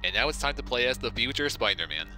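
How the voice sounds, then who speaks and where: A man's voice: medium pitch, lively intonation, fast talker, over music. A man giving gameplay commentary in a wry, sarcastic way. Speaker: gamer doing commentary. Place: voice-over recorded over game audio.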